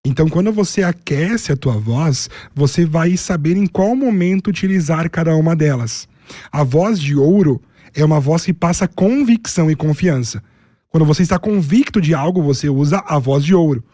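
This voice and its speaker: A Brazilian man with a slightly raised, mellow voice lays out his advice in orderly steps and lists. He speaks as a public speaking coach, recorded dry and close. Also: fairly high pitch, animated, moderate pace, dry recording. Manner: methodical, explains in numbered steps and lists. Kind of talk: didactic interview explanation.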